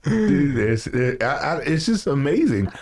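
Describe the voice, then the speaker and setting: A man's voice: fairly high pitch, big pitch swings, unhurried, darkish tone, slight background noise. A middle-aged man, the host's father, chatting casually with many stammered restarts and laughter. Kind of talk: casual chat.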